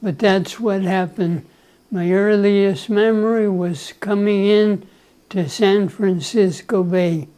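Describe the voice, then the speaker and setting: A man in his nineties, originally from El Salvador and raised speaking Spanish, tells his life story very slowly. His voice is soft and mellow. He chuckles now and then and often clears his throat. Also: sits high, fairly even intonation, low-quality recording. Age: 90s. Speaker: grandfather being interviewed. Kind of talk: relaxed life-story interview.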